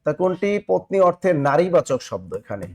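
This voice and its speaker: A man's voice: on the high side, sing-song, fairly quick, gravelly, a little mellow, husky. A man teaching a live online exam-prep class in a Bangladeshi Bengali accent, energetically repeating key answers and quizzing his viewers.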